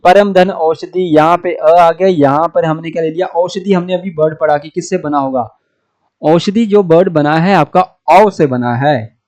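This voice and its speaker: A man's voice: fairly high pitch, darkish tone. A man with a Hindi accent teaching a grammar lesson, walking through each example step by step and asking himself rhetorical questions. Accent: Hindi, North India. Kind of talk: blackboard lesson explaining grammar.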